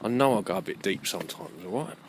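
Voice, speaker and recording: Deep-voiced and fast, with lively intonation, this video blogger rants to camera for his channel in an off-the-cuff, opinionated way, circling back over the same points and cursing liberally. The amateur recording is rough, and background noise is clearly audible.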